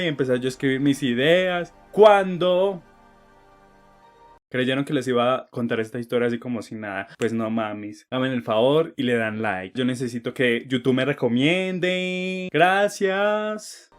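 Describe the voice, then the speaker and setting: A young man tells a personal story to camera in a lively, joking way, swearing freely and talking straight to viewers. His voice sits at a middle pitch. Soft music hums behind him. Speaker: vlogger. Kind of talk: storytime vlog.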